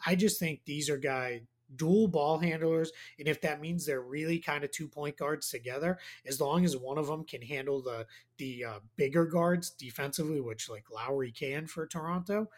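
A man's voice: fairly high pitch, normal speed, hardly any pauses. A man with a Boston accent, talking through ideas as a podcast guest in casual chat, rambling and thinking aloud.

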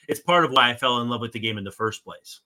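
A man's voice: medium pitch, expressive, fast talker, bright, forceful tone. A man giving casual, discursive sports analysis with emphatic points. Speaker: baseball analyst and podcast co-host.

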